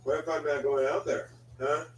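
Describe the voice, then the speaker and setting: A man's voice: on the high side, steady tone, moderate pace, a little hiss or hum. A man hosting a live cooking stream from his kitchen, chatting casually, swearing offhandedly and talking to his cat. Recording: voice a bit distant from the mic.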